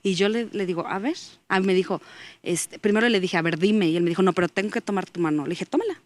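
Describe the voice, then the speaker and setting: A woman's voice: lowish voice, fast talker, no echo. A woman, a guest giving an earnest faith testimony as she tells a story and acts out the dialogue in it.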